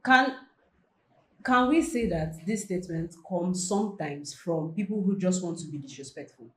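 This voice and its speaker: A woman with a low voice who poses questions and pushes back in a panel debate. Her voice rings in a roomy studio, and she talks in a casual panel style. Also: normal speed. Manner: questioning, challenges the point. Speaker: panelist on a TV talk show.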